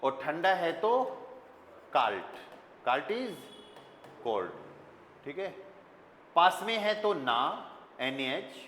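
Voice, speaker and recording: A man's voice: on the high side, very animated, very slow, long pauses, a bit bright. Indian man teaching a class in a reverberant room. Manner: explains and quizzes students, spells words out letter by letter. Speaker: German teacher. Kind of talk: classroom lesson. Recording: echoey classroom with long reverb, faint room noise.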